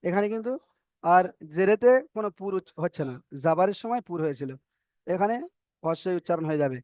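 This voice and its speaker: A man teaching a recorded online reading class, drilling letters slowly one by one and explaining in quick bursts. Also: sits high, darkish tone, no room sound, studio quality.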